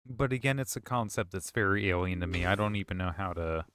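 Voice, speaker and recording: Deep-voiced man rambling on stream. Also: brisk, a bit bright, no room sound. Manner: rambling, self-correcting, talks to chat. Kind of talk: casual chat while gaming.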